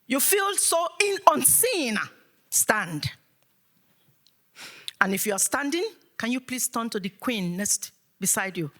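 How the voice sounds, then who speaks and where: Woman from Africa, motivational keynote speaker, high and animated, preacher-like call and response. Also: takes it slowly, long pauses.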